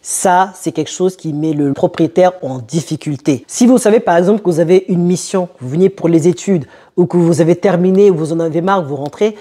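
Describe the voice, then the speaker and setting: A man's voice: high-pitched, a little fast, warm tone, breathy edge. A young man hosting a casual advice vlog, speaking straight to his viewers and putting rhetorical questions to them. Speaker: YouTube host giving advice to newcomers.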